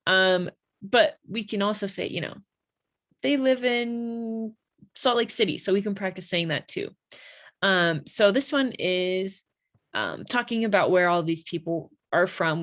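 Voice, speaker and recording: Woman, English teacher, very slow and deliberate delivery, models phrases for learners. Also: medium pitch. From United States. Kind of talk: slow classroom explanation.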